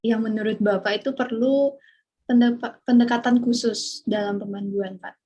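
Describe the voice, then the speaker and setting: A woman's voice: on the high side, steady tone, moderate pace, dark tone. A woman, interviewing a guide with polite, brief questions. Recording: slightly muffled lo-fi recording.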